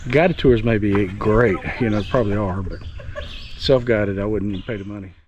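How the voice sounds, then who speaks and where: A man's voice: lowish voice, moderate pace, a little mellow, highs cut off. A middle-aged man chatting casually for a travel vlog in a plainspoken, grumbling way. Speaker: travel vlogger. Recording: noisy outdoor handheld vlog recording.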